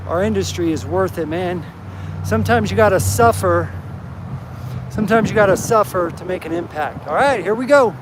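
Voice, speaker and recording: Upbeat guy livestreaming off his phone outside, kinda high voice, lots of traffic noise behind him. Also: expressive, moderate pace. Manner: upbeat, talks straight to chat. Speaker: livestream host. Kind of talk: casual live-stream vlogging. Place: outdoors at a truck stop parking lot. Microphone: handheld phone. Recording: phone audio with loud outdoor noise. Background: vehicle and outdoor noise.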